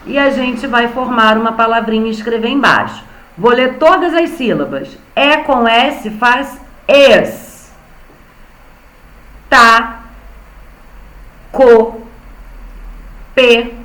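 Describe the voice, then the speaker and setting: A woman's voice: on the high side, a bit bright, reverberant, poor audio. A young Brazilian woman teaching an online class to small children, patiently spelling out syllables. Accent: Brazilian Portuguese. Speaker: primary school teacher.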